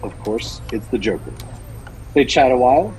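A man's voice: medium pitch, animated, normal speed, darkish tone, slight background noise, low-quality recording. Man hosting a spooky-story podcast. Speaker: podcast co-host. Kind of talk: casual chat and dramatic story reading.

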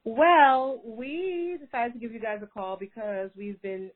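A woman leaving a chatty, excitable voicemail over a landline phone with a friend, jumping in to finish her friend's sentences. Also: fairly high pitch, a little slow. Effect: heard over a landline phone as a voicemail. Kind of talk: casual chat. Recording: narrow phone-line voicemail.

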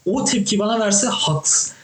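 A young man chatting casually as a host, his voice sitting a little higher than most men's. He tells stories with lively energy and swears freely along the way. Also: a little slow, echoey room, rough recording. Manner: animated storytelling, swears casually. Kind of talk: casual chat.

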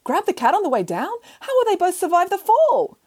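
A woman's voice: very high-pitched, big pitch swings, a little fast, darkish tone, voice pushed up. A woman voicing an anxious young girl in a storybook.

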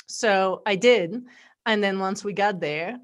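A woman's voice: mid-range voice, slow pace. Middle-aged woman, Bulgarian accent with Australian and American hints, chatty interview guest. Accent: Bulgarian, mixed with Australian and American. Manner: warm storytelling, frequent fillers and laughs. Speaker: podcast guest. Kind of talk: casual interview chat.

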